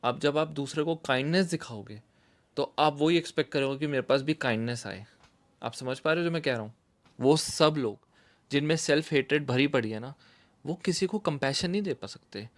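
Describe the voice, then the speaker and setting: A young man sharing a personal story, mixing Hindi with English phrases and swinging from soft to loud as he gets emotional. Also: a little high, normal speed. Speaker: video host.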